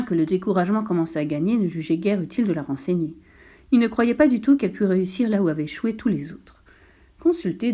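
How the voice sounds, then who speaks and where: Woman reading a storybook, mellow. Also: mid-range voice, slightly rough. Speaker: narrator.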